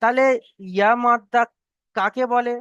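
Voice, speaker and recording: An online Quran reading teacher who goes over each letter rule slowly. The teacher repeats every point several times and keeps checking that the students follow. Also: mid-range voice, steady tone, fairly bright tone, clear, resonant tone, no room sound, lo-fi sound. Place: online video class, students on mute.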